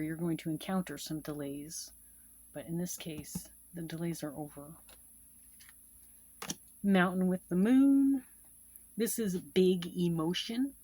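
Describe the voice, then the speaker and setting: Woman, lower voice, casual card-reading teacher, repeats points, loose and chatty. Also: mellow, dry recording. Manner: repeats key meanings, with fillers and asides. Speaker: tarot and Lenormand card reader teaching. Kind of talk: casual instructional explanation.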